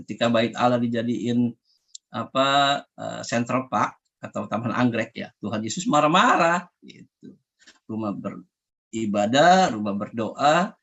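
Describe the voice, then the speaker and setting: A man's voice: medium pitch, a bit bright, husky. A man preaching as a pastor, talking to the congregation in a chatty, conversational way and often calling them brothers and sisters. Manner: conversational, repeatedly addresses the congregation as "saudara". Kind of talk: sermon.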